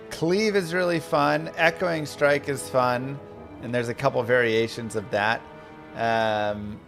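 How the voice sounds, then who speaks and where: Male game streamer, casual rambling gamer talk, slow delivery, music underneath. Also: mid-range voice, fairly bright tone. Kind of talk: casual live-stream chat about a video game.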